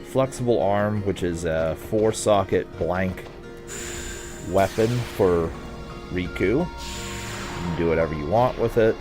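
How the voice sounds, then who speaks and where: A man's voice: low voice, takes it slowly, pauses often, music in the background. A man narrating a video game walkthrough as a guide, talking in a casual, conversational way.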